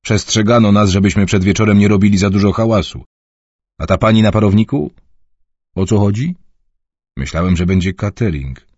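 A man's voice: lowish voice, fairly quick, long pauses, a little mellow, no echo, natural voice. A man voicing an irritated middle-aged sound technician who talks brusquely and complains. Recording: dull muffled recording.

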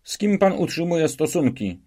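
A man's voice: on the high side, sing-song, moderate pace, mellow, voice pushed up. A man playing a barking, cruel police interrogator. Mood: harsh. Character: cruel, bullying police officer, middle-aged man. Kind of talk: audiobook reading.

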